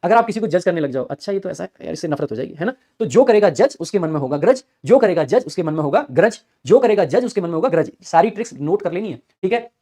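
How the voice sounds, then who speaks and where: A man's voice: high-pitched, expressive, fast talker, hardly any pauses, warm tone. A man teaching English vocabulary for exams in a chatty way, repeating key words in a chanting rhythm. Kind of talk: exam-prep vocabulary lesson with memory tricks.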